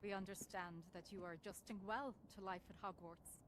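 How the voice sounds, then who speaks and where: A woman's voice: mid-range voice, steady tone, brisk, slight background noise, close to an everyday voice. A woman playing a composed, formal older headmistress of a wizard school in a video game. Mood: kindly formal. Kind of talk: scripted video game cutscene acting.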